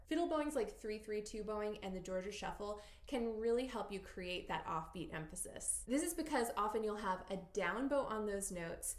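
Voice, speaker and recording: A woman teaching fiddle technique, explaining clearly and counting beats aloud. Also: medium pitch, fairly bright tone, roomy sound. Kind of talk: instructional tutorial.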